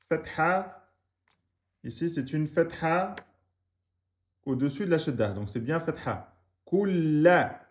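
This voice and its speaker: A man teaching a reading lesson, slowly drilling words syllable by syllable, with quick asides in between. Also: fairly high pitch. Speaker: Arabic teacher.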